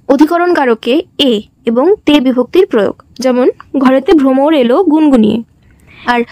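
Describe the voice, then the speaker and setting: A young woman from West Bengal, India, talks through a classroom presentation in a high voice, posing short questions and then answering them. Her voice is close and dry, with no room sound. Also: dry recording. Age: young adult. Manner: explains in a steady question-and-answer pattern. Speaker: student teacher presenting. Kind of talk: presentation lesson.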